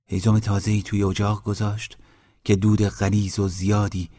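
A man narrating a story in a steady, measured reading. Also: fairly low pitch.

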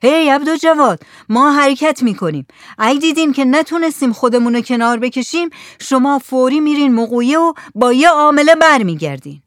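A level-headed male boat captain, read aloud by an audiobook narrator gives clear orders to his crew. His voice sits at a middle pitch and sounds close and dry, without room echo. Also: lively intonation, lightly acted. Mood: calling out.

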